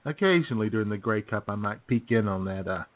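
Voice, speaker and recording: Here a talk show co-host from the United States, an American man, jokes around casually with a relaxed manner. He speaks quickly and animatedly in a lowish voice, captured on thin, phone-like audio.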